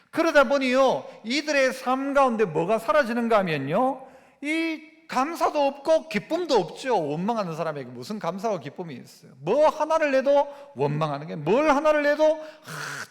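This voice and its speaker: Animated Gyeongsang-accented man preaching. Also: very high voice. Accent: Gyeongsang Korean. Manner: animated, acts out complaining voices with dialect phrasing. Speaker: pastor. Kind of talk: sermon. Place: church sanctuary. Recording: church hall reverb.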